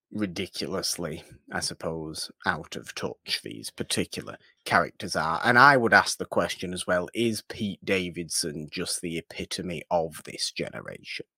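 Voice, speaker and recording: A podcast co-host with a deep, husky, bright voice and a forceful tone talks about film casually but emphatically. He repeats phrases and tosses out rhetorical questions, and the sound has no echo.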